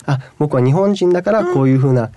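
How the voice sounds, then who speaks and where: Young male interview guest, mellow tone, measured delivery with frequent pauses. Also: a little high, lively intonation, no room sound. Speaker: guest, school staff. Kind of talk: radio interview conversation.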